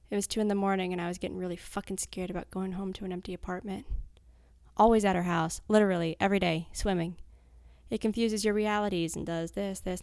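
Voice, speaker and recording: A woman's voice: mid-range voice, creaky, a little mellow, no room sound, studio quality. A woman in her twenties, an anonymous interviewee, speaking bluntly and confessionally, swearing freely, in fragments of a candid interview. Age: 20s.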